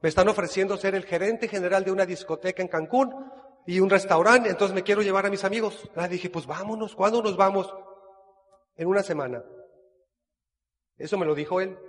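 A Mexican man tells a personal story in a relaxed, conversational way. He acts out the dialogue and often restarts his sentences. His voice sits high, and a long hall reverb trails each phrase. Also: brisk. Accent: Mexican Spanish. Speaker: business speaker sharing his life story. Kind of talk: casual storytelling talk.

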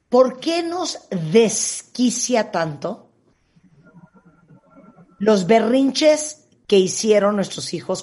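A woman hosts the conversation, her voice husky and breathy at a medium pitch. She talks in an easy, conversational way, posing questions and examples to her guest. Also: dark tone. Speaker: interviewer host. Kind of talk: conversational interview.

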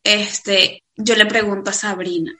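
A woman's voice: medium pitch, little pitch movement, a little slow, pushed and bright. A woman chatting casually with other mothers, explaining how she gets her daughter to talk. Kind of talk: casual chat among mothers.

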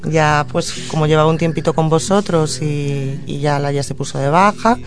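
A woman's voice: sits low, steady tone, normal speed, over music. Earnest woman from Madrid, reflective. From Madrid, Spain. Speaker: guest, social educator and puppeteer. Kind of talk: radio interview, answering questions. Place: radio studio.

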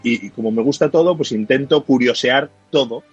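A man from Spain talks easily and at length, his voice a little husky and grainy. He explains things step by step in a relaxed podcast chat, with faint music behind him. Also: mid-range voice, brisk, dull audio. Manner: chatty storyteller, explains at length. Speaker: podcast guest, wine enthusiast.

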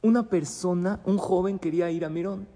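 A man with a rough, gravelly voice that sits a bit high, teaching a religious class. He tells stories with drama and mixes in Hebrew words. His voice carries a long reverb from the synagogue hall. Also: brisk, dark tone.

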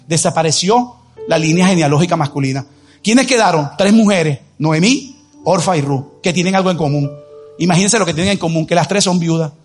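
Man, pastor, high voice, emphatic sermon, rhetorical questions, soft music underneath. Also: fairly quick. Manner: married.

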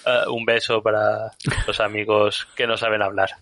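Bright-voiced animated man. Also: fairly low pitch, normal speed, no echo. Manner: animated, swears freely, laughs often, acts out his own shouting. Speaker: podcast co-host. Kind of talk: casual podcast chat about films.

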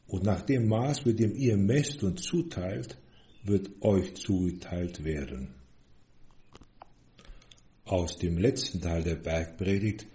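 A man giving an earnest, measured sermon as a priest. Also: low-pitched, mellow. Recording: echoey room.

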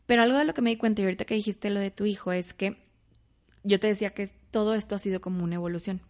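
A woman's voice: medium pitch, rapid-fire. A young woman, telling her life story as a guest in a casual interview and acting out the voices of her family. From Mexico. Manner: lively storyteller, acts out quoted family voices.

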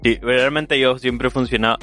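A young man with a Nicaraguan Spanish accent chatting casually and reflecting in a halting way, often restarting his sentences. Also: mid-range voice, steady tone, pushed and bright, faint music behind. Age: young adult. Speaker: older brother. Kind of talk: casual chat.

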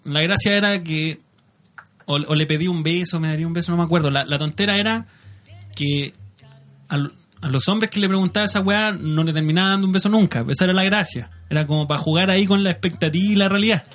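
Joking Chilean man, high voice. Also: quick pace. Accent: Chilean Spanish. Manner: relaxed, joking, slangy. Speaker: podcast co-host. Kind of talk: casual chat.

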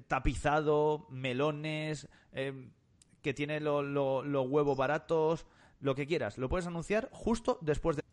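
A man co-hosting a casual podcast, bantering in a teasing, jokey way with mock sales pitches. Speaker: podcast co-host.

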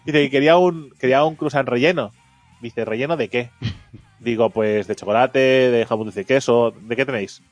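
A man tells a casual story on his stream, laughing easily and voicing the people he quotes. His voice sits mid-pitch and is recorded dry and close, with faint music underneath. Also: moderate pace, no room sound. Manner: animated storyteller, laughs often, acts out quotes. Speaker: streamer and show host.

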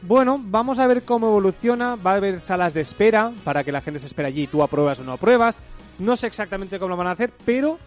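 A man's voice: sits high, lively intonation, quick pace, soft background music. A man, co-hosting a podcast and explaining tech news in a loose, casual chat. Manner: explains news items at length, loose and chatty. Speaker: podcast co-host.

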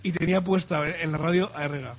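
A man's voice: on the high side, steady tone, fast. A man co-hosting a casual podcast chat, reading out event listings with jokes. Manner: reads event listings, jokey. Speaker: podcast co-host.

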